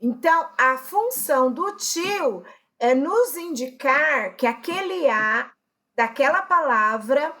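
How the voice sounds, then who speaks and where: A woman teacher takes her students through a grammar lesson with a high voice. She talks slowly and patiently, pausing to check that everyone is following. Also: lively intonation, sharp tone. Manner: patient, explains step by step, checks in with "tá?"; addresses students as brothers and sisters. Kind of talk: recorded Portuguese grammar lesson.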